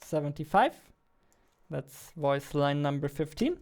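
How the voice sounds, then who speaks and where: A little high and slightly slow, with an animated delivery and darkish tone, the twenty-something game developer chats on his live stream, casual and self-mocking, into a close boom-arm studio mic.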